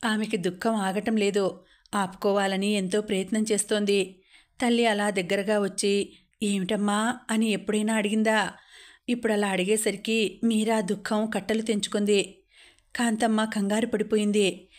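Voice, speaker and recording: A woman narrating a novel as an audiobook in steady, measured scripted reading. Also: mid-range voice.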